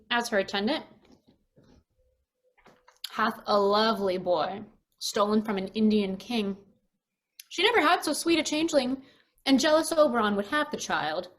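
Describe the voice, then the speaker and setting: A mischievous fairy sprite acted by a woman, fairly high in pitch. The sprite declaims Shakespearean verse like gossip, in a theatrical stage manner.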